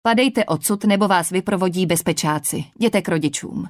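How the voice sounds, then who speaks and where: A woman's voice: on the low side, no echo, natural voice. Woman doing a stern male crew officer.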